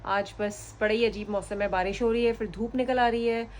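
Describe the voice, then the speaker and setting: A woman's voice: medium pitch, normal speed. A woman in her thirties from India, chatting casually to viewers as she films her family vlog on a handheld phone. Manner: chatty, relaxed, addresses viewers directly. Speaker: family vlogger, mother of two. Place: out and about: streets, restaurant, café, home. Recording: vlog audio with clear background noise.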